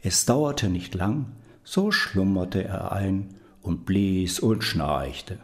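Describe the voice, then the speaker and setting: A man reading a fairy tale aloud as a storyteller, in an expressive, unhurried manner. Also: low voice, slight background noise.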